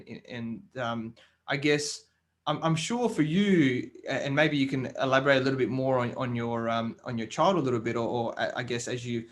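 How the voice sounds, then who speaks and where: A man hosting a business interview podcast, talking over a video call, with a punchy scripted intro and rambling, hesitant questions. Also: mid-range voice. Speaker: podcast host.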